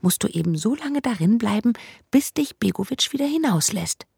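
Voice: medium pitch, animated, moderate pace, gravelly, slightly rough, no echo, studio quality, voice pushed up, full character voice. A narrator voicing a bold, fearless young girl who urges a boy on in an audiobook. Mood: urging. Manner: urging, bright and teasing. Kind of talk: audiobook character voice.

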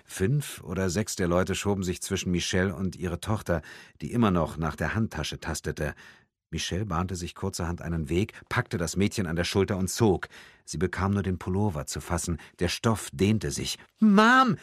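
A man reading an audiobook in a measured, tense storytelling manner. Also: deep voice, husky, no room sound, studio quality. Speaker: audiobook narrator. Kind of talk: scripted audiobook narration.

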